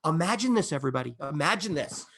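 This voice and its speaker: A man pitching a business opportunity, his voice sitting high for a man with a gravelly, creaky edge. He talks in an emphatic, excitable way, building hype and checking in with his listeners again and again. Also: quick pace. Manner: repeats "okay?" and "imagine this" to the audience. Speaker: company presenter.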